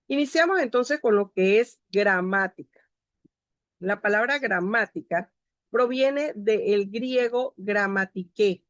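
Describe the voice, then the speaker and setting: A woman's voice: a little high, dry recording, studio quality. A woman teacher giving a grammar lecture over a video call. She explains step by step and cues each slide aloud. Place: home.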